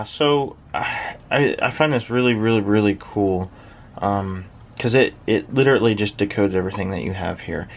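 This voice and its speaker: Thinking aloud and rambling a little hesitantly, a man gives an unscripted, casual demo of his shortwave listening station. He has a lowish voice, there's slight background noise, and the setting is a small uninsulated workbench shed.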